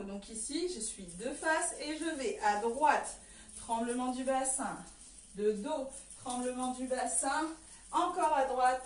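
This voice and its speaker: A woman teaching an online belly dance lesson, explaining moves and calling out counts as she dances. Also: sits high. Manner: counts and calls steps aloud while dancing. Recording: roomy echo, distant from the mic.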